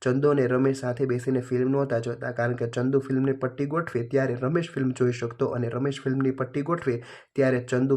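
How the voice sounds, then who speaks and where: A male teacher reading out workbook questions and answers in a steady, even way. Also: medium pitch. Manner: steady, flat reading with small pauses.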